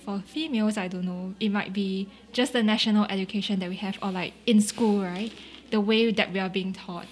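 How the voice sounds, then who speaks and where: A woman's voice: mid-range voice, brisk, slight background noise. A woman from Singapore with a Singaporean accent, talking casually and often ending points with a questioning tag. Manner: relaxed, agreeable, with many "right?" tags and "mm-hmm". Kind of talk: casual conversation.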